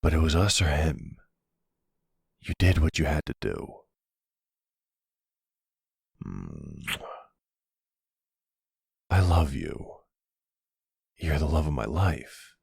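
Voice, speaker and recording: With a husky, gravelly bass voice, a man fully plays a middle-aged mafia boss and devoted stepfather in an intimate roleplay audio drama. He talks in an affectionate, wry way, and the studio-quality recording has no echo.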